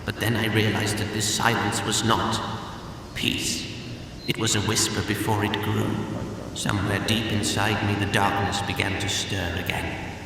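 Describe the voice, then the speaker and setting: A man's voice: on the low side, little pitch movement, moderate pace, creaky. A man narrating as a haunted, guilt-ridden Pac-Man who has devoured the ghosts, telling the tale in a brooding, grim first-person voice. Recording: distant, echoey hall with faint hiss.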